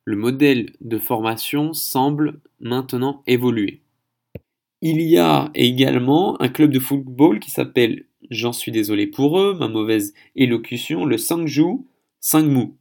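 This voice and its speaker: Man, from France, podcast host, gravelly voice, solo explanatory monologue, self-correcting. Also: medium pitch, unhurried, darkish tone. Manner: explanatory, thinking aloud with frequent self-corrections.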